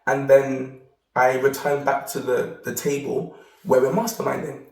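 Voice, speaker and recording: A man's voice: medium pitch, a little slow, vocal fry, far from the mic. A man hosting a self-help video, telling a rambling personal story with lots of repeated words. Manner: rambling, repeats words, animated when quoting. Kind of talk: casual storytelling monologue. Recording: roomy, off-mic sound.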